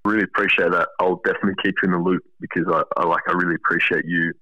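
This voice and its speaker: Very deep, fast-talking young Australian male. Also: level tone, pushed and bright, no room sound, lo-fi sound. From Wollongong, Australia. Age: teens, about sixteen. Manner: earnest, polite, grateful. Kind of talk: casual chat.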